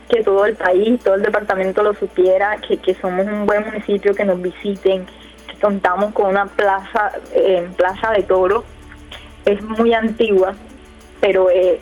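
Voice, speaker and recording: Young woman, flat hesitant speech. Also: mid-range voice. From Colombia, Córdoba department. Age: 20s. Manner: hesitant, many fillers and restarts. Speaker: youth council leader, radio guest. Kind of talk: casual radio interview answers. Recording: muffled radio audio, faint music behind.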